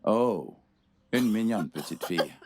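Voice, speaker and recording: A man's voice: on the low side, animated, measured pace, a little mellow. A man dubbing a wealthy benefactor into French, patronizing and soothing. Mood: reassuring. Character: rich man, smooth and generous-seeming. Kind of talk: French dub of a Nigerian film.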